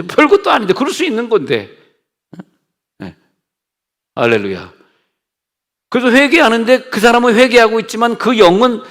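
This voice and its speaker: Preaching man in an echoing church. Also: a little high. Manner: conversational preaching, switches between shouting commands and hushed asides. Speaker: pastor. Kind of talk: sermon. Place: church sanctuary. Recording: long church reverb.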